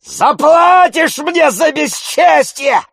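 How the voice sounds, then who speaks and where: A brawling middle-aged bully who bellows insults at the top of a shrill, strained voice. He drags out each furious word slowly, with a gravelly edge on the low notes. The sound is close and dry. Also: no echo, exaggerated voice. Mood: raging shouting. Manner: shouting, abusive, blustering.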